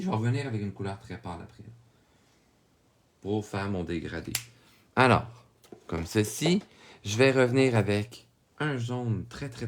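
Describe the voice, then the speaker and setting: A drawing instructor with a Québécois French accent and a somewhat low voice narrates a drawing tutorial. He calmly explains each step and frequently checks in with his viewers.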